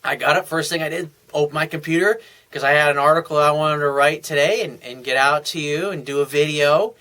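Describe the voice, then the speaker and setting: A man's voice: on the high side, a little fast, pushed and bright. A man coaching on dating in a loose, conversational monologue full of fillers and restarts, sounding tired. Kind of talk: casual advice monologue.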